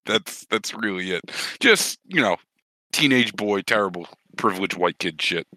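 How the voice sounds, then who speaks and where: Low-voiced guy, bright and sharp, rambling and cursing on a podcast, dry close mic. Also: lively intonation, normal speed, no echo, poor audio. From New Jersey. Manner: rambling, profane, self-deprecating. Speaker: podcast co-host. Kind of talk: casual chat.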